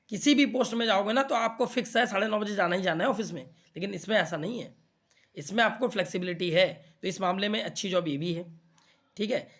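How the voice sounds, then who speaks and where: Chatty high-voiced man explaining to students. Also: fairly bright tone. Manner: chatty, repeats "theek hai na" to check understanding. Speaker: exam coaching teacher. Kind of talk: casual explainer talk to students.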